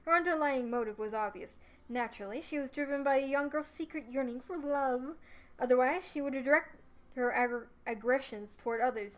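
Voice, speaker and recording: High-voiced young woman reading a story aloud. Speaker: streamer. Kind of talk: live storybook read-aloud narration.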